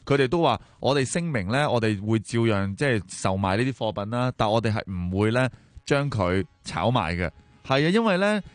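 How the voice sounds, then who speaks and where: A man's voice: mid-range voice, big pitch swings, a little fast, no echo. A man with a Hong Kong Cantonese accent hosts a talk show, commenting and telling stories in a colloquial, conversational way with rhetorical questions. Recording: music behind the voice. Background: background music.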